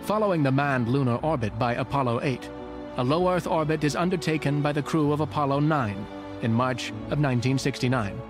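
A man's voice: mid-range voice, fairly quick, over music. A man reading scripted historical narration as a documentary narrator in a voice-over. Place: voice-over recording with music behind.

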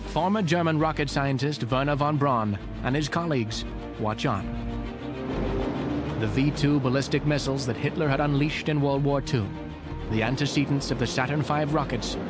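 Male documentary narrator over clear music. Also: medium pitch. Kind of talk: scripted historical narration. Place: voice-over recording with music behind.

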